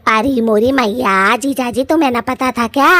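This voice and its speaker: A gossipy middle-aged mother from a cartoon, voiced by a woman. She nags and frets in homely, folksy speech, pitched a bit high and spoken loud. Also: normal speed, close to an everyday voice. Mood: fretful. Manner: nagging, rustic folksy speech.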